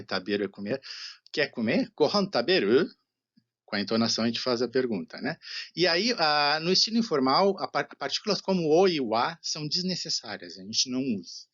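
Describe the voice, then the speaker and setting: A man with a Brazilian Portuguese accent gives a recorded Japanese lecture, explaining patiently, often asking "né?" and slowing down for example phrases. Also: medium pitch, a bit bright, highs cut off. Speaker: Japanese language teacher.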